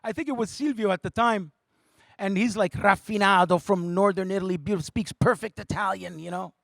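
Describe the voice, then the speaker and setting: A man doing stand-up comedy, animated and quick to switch voices. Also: sits high, vocal fry, no room sound, studio quality. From Montreal, Canada. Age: 40s. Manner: animated, jumps between voices and languages. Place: theatre studio.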